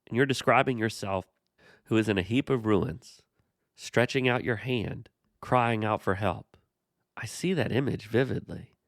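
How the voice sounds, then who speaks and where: A man hosting a Bible study, explaining the passage in a measured way and speaking to the character directly. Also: on the low side, no echo, studio quality. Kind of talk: scripture commentary dialogue.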